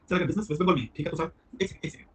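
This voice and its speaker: A man teaching a live online tax class, talking quickly and calling on students by name. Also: a little high, a bit bright, slightly rough. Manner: rapid, chatty, addresses students by name. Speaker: GST teacher.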